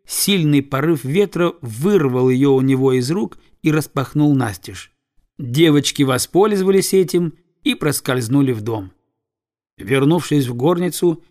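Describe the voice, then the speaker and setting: A man reading a storybook aloud with calm, measured narration. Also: mid-range voice. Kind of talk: audiobook narration.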